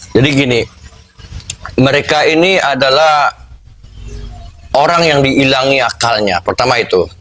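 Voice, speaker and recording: Man, mid pitch, steady explaining, debate commentary. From Indonesia. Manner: steady explaining, addresses audience.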